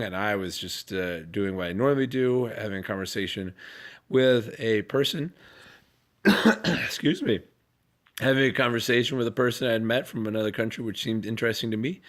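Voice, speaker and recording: A sick man in his thirties tells a self-deprecating story to his viewers in a fairly low voice. He rambles and halts as he goes, sounding a little congested. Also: fairly bright tone. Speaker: vlogger. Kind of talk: casual storytelling to camera.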